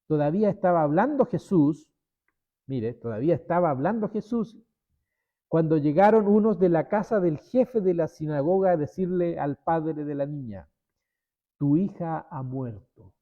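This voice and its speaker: A man's voice: a little high, moderate pace, lo-fi sound. A man leading a church Bible study. He reads scripture aloud, then explains it in his own words and checks in with his listeners.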